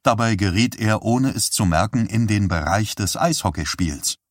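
Low-voiced male audiobook narrator. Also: no echo, clean studio sound. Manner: calm, measured reading. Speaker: audiobook reader. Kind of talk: scripted narration.

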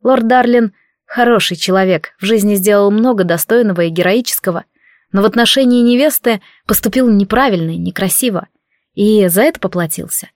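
A woman voicing a calm, dignified young maid who speaks quietly and with restraint. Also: medium pitch, brisk, no room sound, studio quality, close to an everyday voice. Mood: restrained. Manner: quiet, restrained, soft-spoken.

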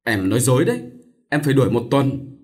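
A man's voice: medium pitch, sing-song, fast, darkish tone, natural voice. A man voicing an earnest young male student who explains things to his sister.

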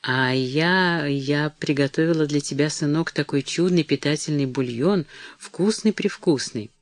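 A timid, pleading mother who falters and speaks softly, read by a man. The voice sits a little high. The sound is dry and close. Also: animated, a little fast, no room sound, close to an everyday voice. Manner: soft, faltering and imploring. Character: timid, pleading poor middle-aged mother.

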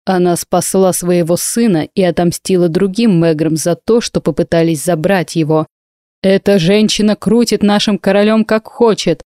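A woman's voice: lowish voice, normal speed, warm tone, dry recording, clean studio sound, natural voice. A woman reading the lines of a fierce male warrior who harshly accuses a witch, in an audiobook. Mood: accusing.

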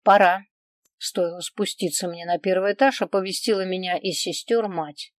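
A woman narrating a first-person audiobook in an even, measured reading. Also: lowish voice, no echo. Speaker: audiobook reader.

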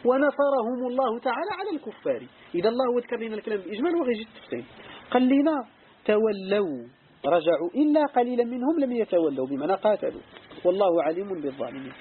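A man's voice: sits high, very animated, very fast, narrow, tinny audio, a little hiss or hum. A man with a Moroccan accent, an Islamic scholar giving a lesson on Quran commentary. He explains step by step, asks and answers his own questions, and moves between classical recitation and everyday dialect.

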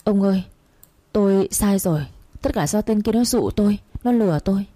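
Narrator putting on a scheming second wife, fast and scolding, low mellow voice. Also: female voice, expressive, breathy edge, dry recording. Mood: pleading. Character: furious scheming middle-aged second wife.

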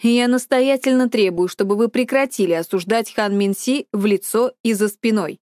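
A woman's voice: mid-range voice, moderate pace, warm tone, no echo, studio quality, close to an everyday voice. A woman reading an audiobook, voicing a stern male company director who speaks coldly and commandingly. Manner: cold, commanding.

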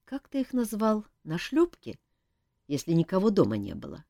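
A woman's voice: medium pitch, huge pitch swings, normal speed, warm tone, no echo, studio quality. A woman reading an audiobook, voicing a curious, playful middle-aged male king who asks eager questions. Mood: inquisitive. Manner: inquisitive, amused.

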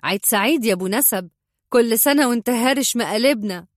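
A woman voicing a joking young man with an Egyptian accent, teasing and quick. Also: a little high, dry recording, studio quality, voice pushed up, lightly acted. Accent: Egyptian Arabic.

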